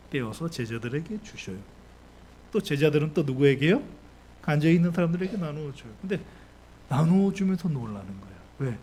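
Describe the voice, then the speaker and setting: A man preaching a sermon as pastor, asking his congregation lively questions and acting out the people in the story. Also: a little high. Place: church sanctuary.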